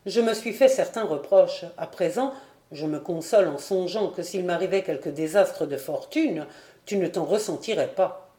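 A woman's voice: lowish voice, dark tone, roomy sound, lightly acted. Woman reading as a breezy, proud painter father. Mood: reassuring. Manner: light, brisk, then cold and clipped.

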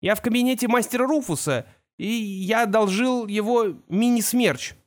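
An anxious, defiant teenage wizard boy, as a man reads him aloud in an audiobook. He talks in an earnest, pleading way, with his voice pushed up high above a man's usual register. The delivery stays plain and close, like storybook dialogue. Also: moderate pace, natural voice. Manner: earnest, pleading, raised higher voice. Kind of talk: audiobook character voice.

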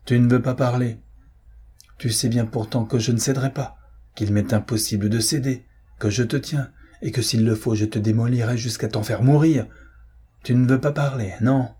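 Cruel marquis as a man reads him, harsh commanding manner, husky dark tone, raised pitch. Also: fairly even intonation, normal speed. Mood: frantic demanding. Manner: harsh, commanding, increasingly frantic. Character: cruel middle-aged male marquis, torturer. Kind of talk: audiobook character reading.

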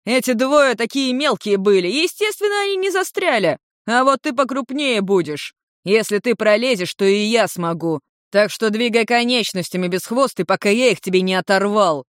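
A storyteller voicing a foul-mouthed, furious male dragon in human form who yells and curses. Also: mid-range voice, lively intonation, normal speed, no room sound, studio quality, voice pushed up, natural voice. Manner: shouting, cursing.

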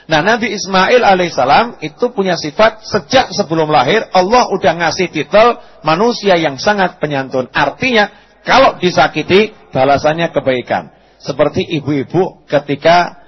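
Husky-voiced man preaching a lively sermon. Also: on the high side, moderate pace, muffled recording. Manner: lively storytelling sermon, acting out quotes, asking the audience questions.

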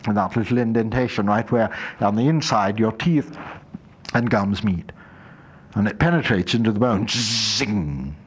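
A man's voice: fairly low pitch, normal speed, husky. Man leading a spiritual exercise, emphatic. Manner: emphatic, instructive, slips into dramatized voices. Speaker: spiritual teacher. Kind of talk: guided spiritual exercise talk.

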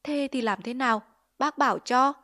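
A woman's voice: high-pitched, normal speed, pushed and bright, pitched above the performer's own voice. A woman voicing a frightened widowed mother who pleads anxiously in a storybook reading. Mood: pleading.

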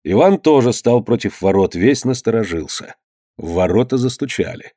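A man narrating a historical story in an expressive storytelling manner. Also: on the low side, normal speed, no echo, studio quality. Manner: expressive storytelling, lively delivery. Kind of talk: audiobook reading of historical prose.

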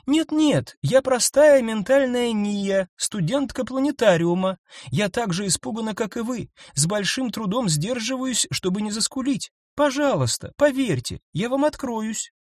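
A man voicing a gentle, timid telepathic alien creature, a young female student who speaks softly and pleadingly. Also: extremely high pitch, expressive, unhurried, no room sound, clean studio sound, voice pushed up, heavily acted. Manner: soft, pleading, apologetic.

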